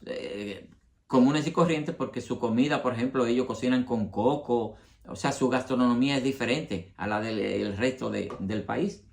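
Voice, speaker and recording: A man hosts a history channel. He talks straight to his viewers and lays out each point with examples. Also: medium pitch. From Dominican Republic. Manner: addresses the audience directly, explains with examples. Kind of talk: explanatory talk to viewers.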